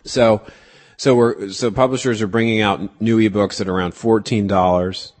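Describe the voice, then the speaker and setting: A man who is a novelist, chatting as an interview guest in an animated, wry way with quick asides. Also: fairly low pitch. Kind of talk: casual interview chat.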